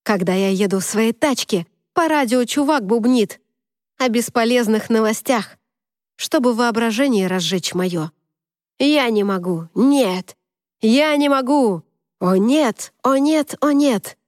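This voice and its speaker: A woman voicing a cocky, playful young male student who half-sings, half-shouts a rock chant. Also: lowish voice, normal speed, few pauses, dry recording, studio quality, lightly acted. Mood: playful singing.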